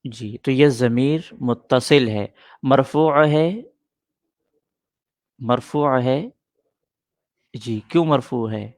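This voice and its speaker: A patient middle-aged man teaching a grammar class, going over each rule more than once. His voice has an average pitch and sounds close and dry, with no room echo. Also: long pauses, a little mellow. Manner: patient, repeats points and answers students' questions.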